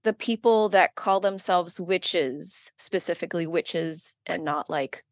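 Low-voiced American-raised woman guest, dry sound. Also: slow, no room sound. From United States. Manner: many fillers, rambling and earnest. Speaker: guest, witchcraft practitioner. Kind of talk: casual interview chat.

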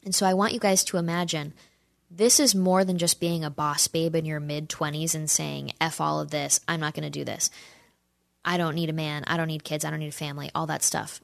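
A woman's voice: sits low, fairly even intonation, a little fast, vocal fry, no echo. A woman in her twenties giving an earnest, persuasive opinion talk and speaking straight to her viewers. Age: 20s. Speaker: commentator answering audience questions.

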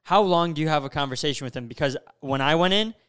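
Young male host, high smooth voice, chatty frat-bro slang. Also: fast talker, a bit bright. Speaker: podcast host. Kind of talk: casual banter.

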